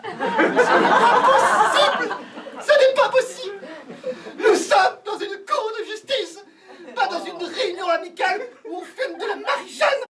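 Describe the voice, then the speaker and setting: A woman's voice: very high-pitched, moderate pace, crowd noise. An actress playing a flustered, exasperated woman judge presiding over a trial in a stage comedy, repeating her orders sternly. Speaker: court president. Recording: distant stage mic with audience laughter.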